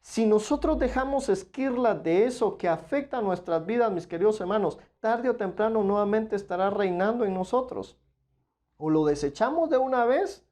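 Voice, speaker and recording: A man delivering a Bible study sermon in a warm, mellow voice. He speaks earnestly to his listeners as brothers and drives his points home with emphatic repeats. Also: high-pitched, expressive, moderate pace. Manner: emphatic, repeats "claro de que sí". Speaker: preacher.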